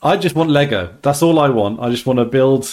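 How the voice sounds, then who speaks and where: A man co-hosting a casual podcast chat, rambling and halting, often restarting his sentences. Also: medium pitch, lively intonation, darkish tone. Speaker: podcast co-host.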